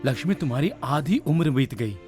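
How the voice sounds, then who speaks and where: A man voicing a level-headed village drummer who talks calmly and teases in a dubbed film. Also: on the high side, brisk, over music, natural voice.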